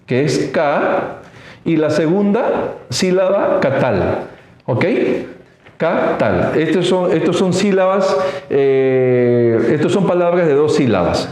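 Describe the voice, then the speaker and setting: A man with a somewhat high voice gives a slow, halting lesson. He fills gaps with "eh" and keeps checking that listeners follow. His voice rings out in a very echoey room. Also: lively intonation, a little mellow. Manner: halting, many fillers, checks in with "¿sí?". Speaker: teacher. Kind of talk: slow recorded lecture.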